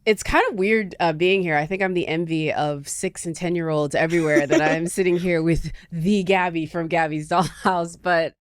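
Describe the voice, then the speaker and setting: Low-voiced woman hosting an interview. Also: fairly even intonation, normal speed, few pauses, no echo, clean studio sound. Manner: enthusiastic, polished questions. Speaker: host.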